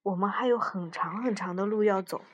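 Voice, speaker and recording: A woman's voice: mid-range voice, expressive, moderate pace, highs cut off, close to an everyday voice. A woman doing a stern, impatient mouse. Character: bossy, impatient male mouse adventurer.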